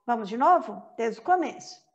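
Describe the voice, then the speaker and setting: High-voiced Brazilian woman teaching English. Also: animated, dull audio. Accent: Brazilian Portuguese. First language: Portuguese. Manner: slow, carefully paced recitation; switches between English and Portuguese. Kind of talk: online English lesson.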